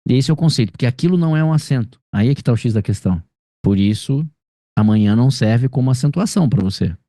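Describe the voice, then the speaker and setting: Brazilian male teacher, dark mellow voice. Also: medium pitch, lively intonation, fast, no echo, clean studio sound. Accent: Brazilian Portuguese. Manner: explanatory, checks understanding with frequent tag questions. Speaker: grammar teacher. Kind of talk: one-on-one tutoring session.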